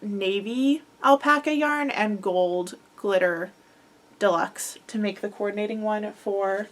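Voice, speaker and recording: A young woman with a mid-range voice talks slowly and casually as she hosts a crochet podcast. She is chatty and rambling, her speech full of "like" and "um", and a head cold leaves her sounding a little congested.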